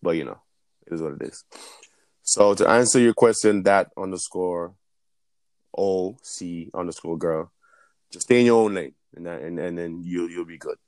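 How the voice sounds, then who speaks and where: A man's voice: sits low, normal speed, darkish tone, no room sound. A man chatting casually as a co-host answering questions, in a slangy, sweary frat-bro way with repetitive, emphatic phrasing. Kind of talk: casual unscripted chat answering listener questions.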